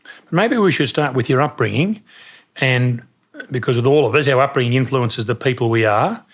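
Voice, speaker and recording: A man's voice: medium pitch, normal speed. An Australian man hosting a podcast, asking questions in a friendly, conversational way. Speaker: podcast host interviewer. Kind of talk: podcast interview.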